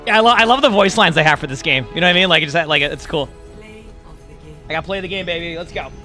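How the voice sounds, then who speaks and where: A man with a fairly high, sharp voice talks fast while streaming a game, chatting casually with viewers over a livestream headset mic. He rambles with plenty of fillers and restarts, and faint music plays behind him.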